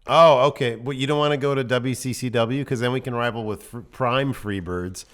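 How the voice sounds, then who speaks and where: A man co-hosting a podcast, chatting casually in an animated way, laughing often and mumbling to himself while he looks things up. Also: mid-range voice, moderate pace. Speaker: podcast co-host. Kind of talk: casual chat.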